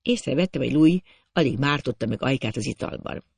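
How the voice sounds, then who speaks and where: A man narrating a classic novel as an audiobook in a steady storytelling manner. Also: medium pitch, gravelly, breathy edge, no room sound. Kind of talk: scripted narration.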